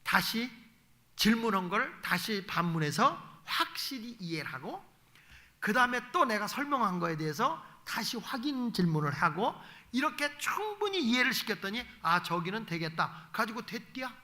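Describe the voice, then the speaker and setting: A man's voice: extremely high pitch, big pitch swings, moderate pace, pushed and bright. A middle-aged male pastor giving an evening sermon in a folksy way, acting out little dialogues as he preaches.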